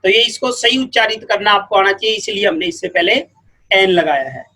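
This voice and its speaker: A male teacher giving a patient, step-by-step grammar lesson, often repeating words slowly to show their sounds. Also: high-pitched, bright, forceful tone, low-quality recording.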